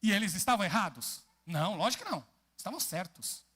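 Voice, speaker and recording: A man with a Brazilian Portuguese accent preaches in a church, his voice rising and falling widely across a fairly high middle pitch. He keeps turning to the congregation with questions as he explains the text. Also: fast talker, husky. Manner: animated, often asks the congregation questions. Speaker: pastor. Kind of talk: expository sermon.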